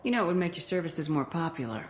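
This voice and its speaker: A woman's voice: low-pitched, sing-song, fast. An actress playing a confident, blunt female space commander in a video game. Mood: assured. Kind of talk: video game character acting.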